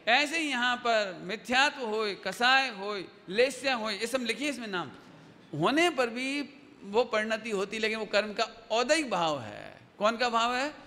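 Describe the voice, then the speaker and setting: High, bright-voiced man preaching. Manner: explains with everyday examples, quizzes the audience. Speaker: Jain preacher. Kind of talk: religious discourse. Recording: hall reverb, faint noise.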